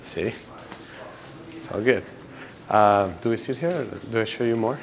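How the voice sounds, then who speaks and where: He's a man in his twenties from Ecuador, touring his campus as a graduate student in a casual documentary interview. The voice is low with some vocal fry and an unhurried pace, and he rambles comfortably, restarting sentences and using many fillers.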